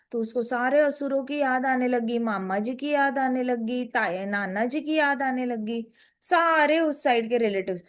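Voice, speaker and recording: A woman telling a scripture story in a casual, playful way, slipping in English phrases. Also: high-pitched.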